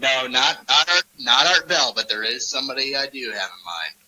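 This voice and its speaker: A man's voice: mid-range voice, animated, normal speed, pushed and bright, breathy edge. A man calling in to a talk show over a fuzzy, distorted internet call, chatting in a friendly, easygoing way. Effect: fuzzy distorted internet call line. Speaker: caller. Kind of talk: casual call-in chat.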